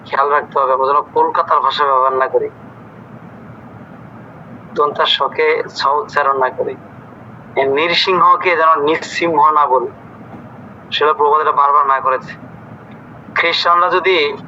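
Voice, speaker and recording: A man's voice: on the high side, sharp tone, highs cut off, slight background noise. A man teaching an online scripture class, strict and scolding as he quizzes his students and corrects their pronunciation.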